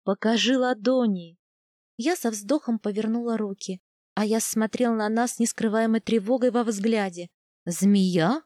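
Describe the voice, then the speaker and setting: Woman reading an audiobook, kinda high voice, dry close mic. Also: fairly even intonation, moderate pace, warm tone, no echo. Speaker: audiobook narrator. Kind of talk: scripted first-person narration.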